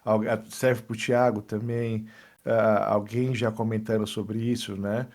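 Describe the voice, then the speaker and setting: A man's voice: on the low side, flat delivery, unhurried, darkish tone. A podcast host in a casual chat who asks questions and adds his own points to his guests' answers.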